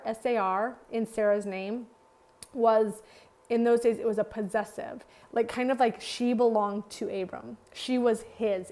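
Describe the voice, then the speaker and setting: A woman's voice: on the high side, darkish tone. A woman leading a Bible study, teaching earnestly, asking her listeners questions and stacking repeated phrases for emphasis. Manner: speaks directly to listeners with rhetorical questions. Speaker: Bible study leader and ministry founder.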